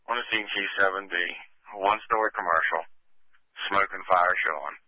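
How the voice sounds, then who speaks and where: A dull, dry radio transmission carries a man's low voice. He talks like a fire chief working an incident, in terse, procedural phrases. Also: normal speed, no room sound. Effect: two-way radio. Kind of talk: fire service radio traffic.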